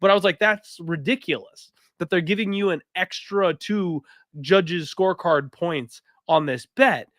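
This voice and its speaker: A man hosting a sports betting podcast, recapping fights casually in a raspy, throaty voice while sick with a cough. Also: high voice, unhurried, fairly bright tone, dry recording, clean studio sound.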